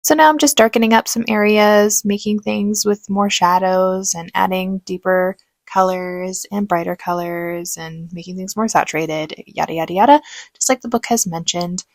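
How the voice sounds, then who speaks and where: A woman giving relaxed voice-over commentary on her painting tutorial, chatty and self-aware. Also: mid-range voice, normal speed. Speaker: art tutorial host.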